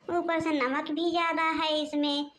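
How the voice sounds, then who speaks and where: A woman's voice: high voice, flat delivery, unhurried, fairly bright tone. A woman voicing a fussy, scheming old mother-in-law in a cartoon, complaining and nagging about food and her daughters-in-law. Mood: whiny. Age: older. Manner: complaining, nagging, muttering plots to herself. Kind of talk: cartoon voice acting.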